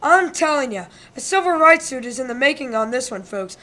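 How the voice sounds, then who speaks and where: A woman's voice: high voice, animated, a little fast, pushed and bright. A woman voicing a male big bad wolf in a comic radio play, telling his side of the story with indignant self-pity. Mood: aggrieved. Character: male big bad wolf, aggrieved smooth-talking hustler.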